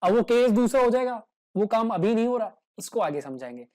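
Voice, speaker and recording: A man explains English grammar as a teacher in an easygoing, humorous way. He acts out small everyday dialogues to make his examples clear. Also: high voice, sing-song, a little fast, warm tone. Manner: casual and joking, acts out little everyday dialogues.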